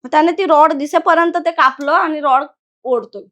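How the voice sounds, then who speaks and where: With a high-pitched, fairly bright tone and normal speed, this guest storyteller, a young woman from Maharashtra, tells a horror story about something that happened to her. It's conversational, and she voices the people in it through direct quotes.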